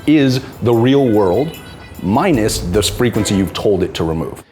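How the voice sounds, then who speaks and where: A man with a fairly low voice speaks as a tech company representative. He explains things in an interview, with faint music behind him. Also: expressive, unhurried, darkish tone.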